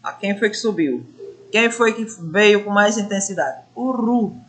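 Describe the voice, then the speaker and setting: A woman teaching a grammar lesson, drawing out syllables slowly to show stress and asking her pupils questions. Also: medium pitch, fairly bright tone. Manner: addresses pupils as gente, asks questions. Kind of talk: classroom lesson explanation.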